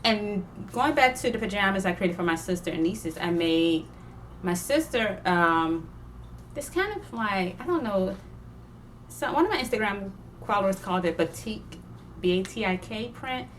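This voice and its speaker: A young woman chatting casually about her sewing projects, digressive and quick to laugh. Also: mid-range voice, lively intonation, slight background noise. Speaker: sewing vlogger. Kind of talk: casual chat.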